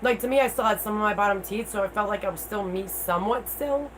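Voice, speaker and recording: A middle-aged woman talks casually to her livestream viewers in a candid, unpolished way. Her speech sounds toothless, at an ordinary female pitch. There is faint noise from the room around her. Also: fast talker, fairly bright tone. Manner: candid, informal, mild swearing. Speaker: livestream host.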